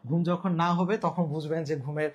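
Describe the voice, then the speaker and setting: His voice on the high side and husky, a Bangladeshi Bengali-accented man runs a live online exam-prep class at normal speed with fairly even intonation. He keeps things colloquial, drops in English words, repeats the key terms, and quizzes his viewers.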